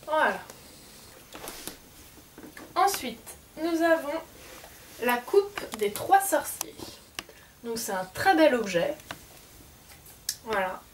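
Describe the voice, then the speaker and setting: A woman's voice: sits high, very animated, extremely slow, pauses often, recorded from a distance. A woman casually showing her souvenir collection to the camera, chatty and hesitant with many fillers. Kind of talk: casual unboxing vlog. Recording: off-mic with faint background noise.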